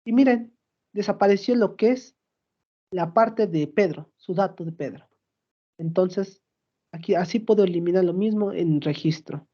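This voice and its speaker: Woman, patient step-by-step demo narration, mid-pitched, muffled lo-fi mic. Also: moderate pace. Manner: explains step by step, checks in with "¿sí?". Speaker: student presenting a project. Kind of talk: screen-recorded software demo.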